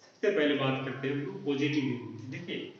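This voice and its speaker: A male English teacher giving a classroom grammar lesson, explaining slowly and answering his own questions at a board. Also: mid-range voice. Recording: roomy echo, distant lo-fi mic.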